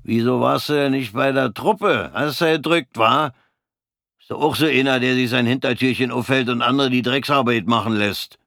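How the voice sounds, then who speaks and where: A man's voice: on the high side, big pitch swings, moderate pace, hardly any pauses, pushed and bright, no room sound, studio quality, pitched above the performer's own voice, full character voice. Man doing a jeering bald corporal, twang. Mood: taunting. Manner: jeering, taunting. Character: spiteful bald male corporal, mocking.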